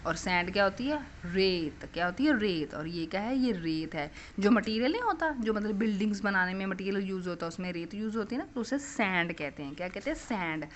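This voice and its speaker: A woman's voice: medium pitch, animated, fairly quick, hardly any pauses, a little hiss or hum. A young woman teaching phonics to children, asking questions and repeating the answers back. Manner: repetitive call-and-response questioning.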